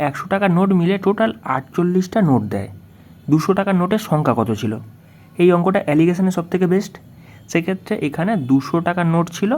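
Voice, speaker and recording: A tutor with a slightly high voice works through exam questions in a worked-solution lesson. He explains every step and keeps asking the student what should come next.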